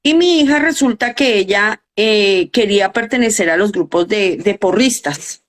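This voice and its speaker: A woman's voice: mid-range voice, expressive, normal speed. A middle-aged woman, a coach and educator, earnestly explaining her ideas in a live interview and often asking rhetorical questions.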